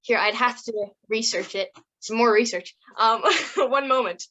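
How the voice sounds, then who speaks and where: A woman co-hosting a podcast asks a guest questions in a chatty, giggly, casual interview. Her voice is a little high, bright, and forceful, with an unhurried pace. The audio is dull and lo-fi.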